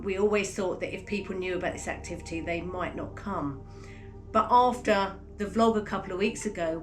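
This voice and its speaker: Chatty woman hosting a vlog. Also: fairly low pitch. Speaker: vlog host and chateau owner. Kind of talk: casual vlog talk to camera.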